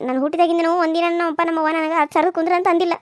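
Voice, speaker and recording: Woman doing a sharp-tongued village woman, scolding, North Karnataka accent, high voice, dry. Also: flat delivery, rapid-fire, no room sound. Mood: indignant. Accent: North Karnataka Kannada. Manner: scolding, mocking.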